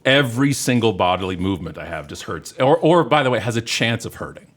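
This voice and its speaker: A man in his fifties co-hosting a podcast, telling animated, joking stories in casual chat. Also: lowish voice, quick pace. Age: 50s. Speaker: podcast co-host.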